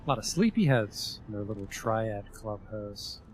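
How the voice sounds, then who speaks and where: Lively, low-voiced man doing gameplay commentary. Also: moderate pace, slight background noise. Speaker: let's play commentator.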